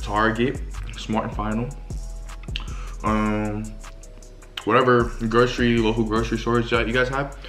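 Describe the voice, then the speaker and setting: This mukbang vlogger, a man in his twenties, rambles casually to viewers in slang while chewing his food. His voice is medium pitch and fairly bright, and the large indoor living room sounds echoey to a camera a short distance away.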